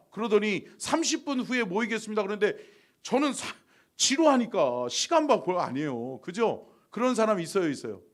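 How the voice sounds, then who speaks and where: A man, a senior pastor, preaching a sermon in a church. He tells stories, asks the congregation questions, and sometimes drops to a soft whisper. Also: high-pitched. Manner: drops to a soft whisper when quoting God.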